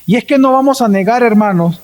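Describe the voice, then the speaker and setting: Male pastor, Salvadoran accent, high voice, mellow tone, lively storytelling sermon. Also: brisk. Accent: Salvadoran Spanish. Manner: storytelling with acted quotes and swings in pitch. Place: church. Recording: long reverb of a church hall.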